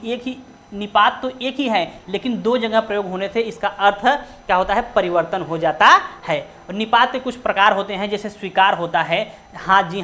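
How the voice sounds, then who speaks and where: Brief: grammar teacher, woman, mid-pitched voice, repetitive question-and-answer delivery. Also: a bit bright. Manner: keeps asking rhetorical questions and answering them herself; slows to stress words one by one. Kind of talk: exam-prep lesson.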